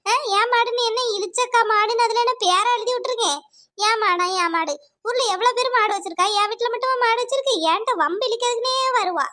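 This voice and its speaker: A woman's voice: very high voice, fast, bright, forceful tone, no echo, studio quality. A woman voicing a grumbling village wife. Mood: scornful. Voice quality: grumbling, scolding. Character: weary middle-aged village wife, cow owner, sharp-tongued. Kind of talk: cartoon voice acting.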